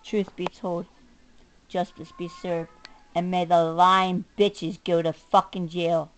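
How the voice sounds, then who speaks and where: Speaking slowly in a lowish, flat voice, a middle-aged woman films herself delivering a furious personal rant full of swearing and stressed words. There's a faint hiss or hum, and she shifts between muttering and raising her voice in a combative way.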